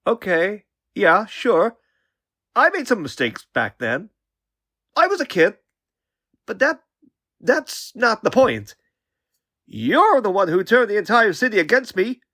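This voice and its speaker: A man's voice: high voice, wildly swooping pitch, takes it slowly, long pauses, sharp tone, exaggerated voice. A man voicing a young wisecracking superhero in a comic book dub, earnest, sarcastic and easily riled. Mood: defensive, riled. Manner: quippy, sarcastic, youthful.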